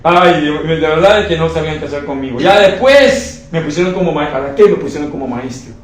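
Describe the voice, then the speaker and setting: A man preaches a sermon, telling animated stories and doubling back over his words. His voice sits high. It is heard from a distance in a very echoey church hall. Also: brisk. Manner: animated storytelling with many repeated words. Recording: very echoey hall, voice far from mic.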